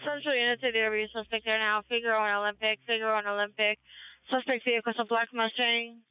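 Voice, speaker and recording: A police dispatcher broadcasting clipped codes and street names over police radio, in a rapid flat delivery. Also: medium pitch, clean tone, dry recording. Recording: tinny distant police radio.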